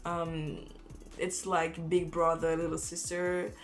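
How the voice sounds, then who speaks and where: A woman chatting casually as an anime vlogger through a face mask, informal and halting, often correcting herself as she goes. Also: low-pitched, completely flat delivery, faint music behind. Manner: informal, halting, self-correcting with false starts. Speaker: anime review vlogger and host. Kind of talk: casual chat to camera, listing recommendations.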